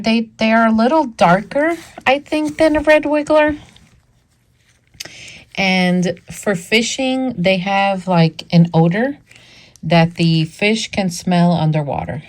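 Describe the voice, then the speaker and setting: Slow-talking woman with hiccups, low voice. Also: darkish tone. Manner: chatty and enthusiastic, with fillers and repeats. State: has the hiccups. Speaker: worm farming channel host. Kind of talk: casual vlog chat.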